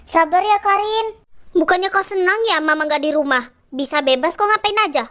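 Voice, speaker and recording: A woman voicing two brash, squabbling young sisters in an animated game story. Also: extremely high pitch, normal speed. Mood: bickering. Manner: blunt, teasing, bickering.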